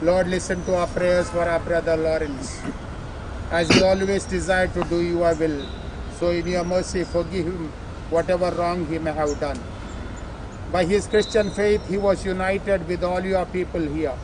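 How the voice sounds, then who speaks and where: A man reciting solemn graveside funeral prayers as a priest, in a measured, formal way. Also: high voice, steady tone. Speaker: priest leading funeral rites. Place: outdoors at a cemetery. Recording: noisy outdoor ambience with traffic.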